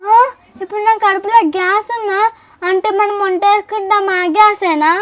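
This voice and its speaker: A very high, childish girl's voice. She whines and pleads in a playful village comedy skit, as if begging to get out of trouble. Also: level tone, a little fast, fairly bright tone, dry recording. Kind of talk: playful sketch acting.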